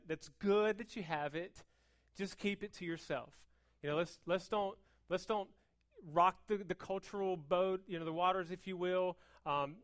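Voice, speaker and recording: An American woman with a lowish voice preaches an informal sermon at a fast clip. Her delivery is emphatic and conversational, with words repeated and rhetorical questions thrown in.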